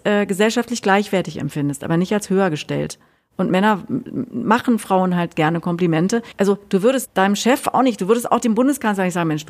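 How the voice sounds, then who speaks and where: A middle-aged woman speaking in relaxed, outspoken conversation. She talks with animation and blunt words, often breaking off and restarting mid-sentence. Her voice sits at an ordinary middle pitch. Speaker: guest, author. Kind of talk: conversational discussion.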